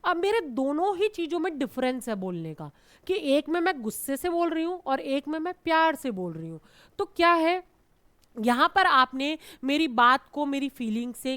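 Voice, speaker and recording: Indian woman grammar teacher, high-pitched, patient explainer, dry recording. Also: fairly bright tone, no room sound. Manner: explains patiently, calls students "beta"; repeats and checks with "theek hai". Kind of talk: classroom grammar lesson.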